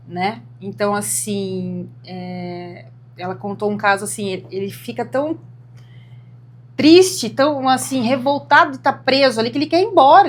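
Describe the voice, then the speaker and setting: A young woman co-hosting a podcast, chatting casually and earnestly, getting animated as she tells personal stories. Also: on the high side. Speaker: podcast co-host. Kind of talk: casual chat.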